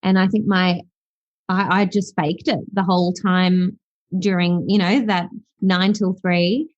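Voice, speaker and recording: Reflective and heavy on fillers, a South African woman in her thirties with an Australian accent answers questions as a podcast interview guest. Her lowish voice is steady and a little slow, and the dull, dry sound has no echo.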